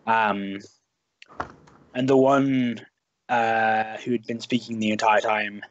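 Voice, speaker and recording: A man narrating as game master of a tabletop game in a casual, halting way full of "like" and "um". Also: on the low side, level tone, highs cut off, slight background noise.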